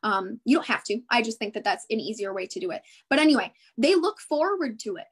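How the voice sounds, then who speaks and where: A woman's voice: a little high, expressive, a little fast, slightly rough. A woman with a Midwestern American accent, bubbly and encouraging, giving a motivational sales talk during a live video. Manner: bubbly, encouraging, repeats herself. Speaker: direct sales consultant.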